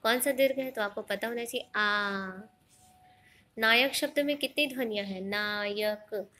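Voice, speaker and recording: A woman's voice: on the high side, moderate pace, pushed and bright. A woman teaching an online grammar lesson, explaining step by step, asking the class questions and mixing in English words.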